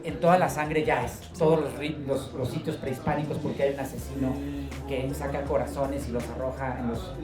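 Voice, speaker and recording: A man from Guadalajara with a Mexican accent, an author talking about his work in a relaxed, joking way at a book presentation. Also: mid-range voice, a little fast, echoey room, distant mic, loud music behind the voice. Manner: relaxed, storytelling, joking asides. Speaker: author being interviewed.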